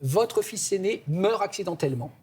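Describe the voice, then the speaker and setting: A woman hosting a morning television talk show, interviewing a guest in a chatty, lively way. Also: mid-range voice, normal speed, husky.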